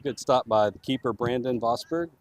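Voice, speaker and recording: A man's voice: medium pitch, normal speed, dry recording. Easygoing male match commentator. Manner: chatty, easygoing, laughs easily. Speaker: play-by-play commentator for the home club. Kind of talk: casual live match commentary. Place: outdoor soccer field at a live match.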